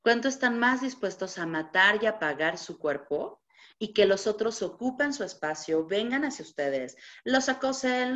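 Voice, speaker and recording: A young adult woman coach giving a motivational live talk to an audience, asking a stream of questions and chanting repeated clearing phrases. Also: mid-range voice. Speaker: body-positivity coach. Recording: muffled lo-fi recording.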